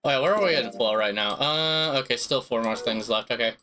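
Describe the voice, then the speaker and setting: A man's voice: medium pitch, a little fast, music in the background, low-quality recording. A man streaming a visual novel, reading the game text aloud and reacting with casual swearing. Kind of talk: casual let's-play commentary.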